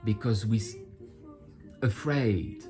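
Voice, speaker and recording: Over background music, a man with a lowish voice speaks slowly, addressing his audience directly in an unscripted vlog about personal insights. He is blunt and profane, building up to impassioned outbursts.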